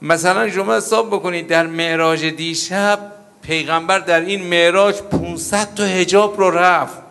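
A man preaching an ethics sermon as a cleric, telling stories with loud emphatic peaks and low murmurs. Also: fairly even intonation, creaky, clear, resonant tone, in a large hall. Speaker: cleric giving an ethics lecture.

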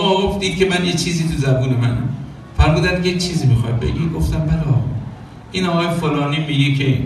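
Preaching a sermon from the far end of an echoey hall, this man has a fairly high, gravelly voice with a little hiss or hum in the recording. He's animated, telling stories, acting out quoted dialogue and singing some phrases.

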